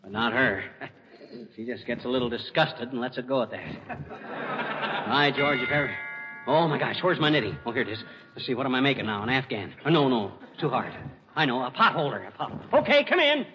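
A man's voice: medium pitch, sing-song, brisk, natural voice. A man playing a bumbling, boastful husband in 1940s radio comedy, wisecracking and chuckling. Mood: blustering. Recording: dull old radio broadcast with reverb and hiss.

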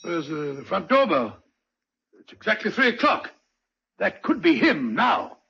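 An actor playing a stuffy, blustering older doctor who mutters and harrumphs, in an old radio drama. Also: male voice, sits high, very animated, a little slow, creaky, sharp tone, husky, full character voice. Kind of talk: 1940s radio acting. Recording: dull lo-fi old radio recording.

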